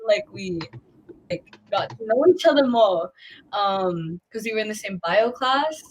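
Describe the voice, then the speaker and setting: A woman's voice: medium pitch, lively intonation, measured pace, slight background noise, poor audio. A young woman co-hosting a casual podcast, rambling and giggling as she tells a story among friends. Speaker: podcast co-host.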